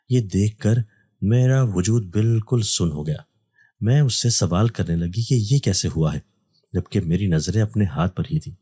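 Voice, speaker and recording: A man narrating a first-person horror story in a steady, even storytelling delivery. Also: low voice, breathy edge.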